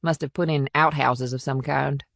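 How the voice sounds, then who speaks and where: In this crime audiobook, a male narrator voices a firm small-town policewoman, pitching above his natural voice. The delivery is creaky, fairly bright, mid-pitched and fairly even at a moderate pace: plainspoken and matter-of-fact, with a protective edge toward the locals. The recording is dry with very little room sound.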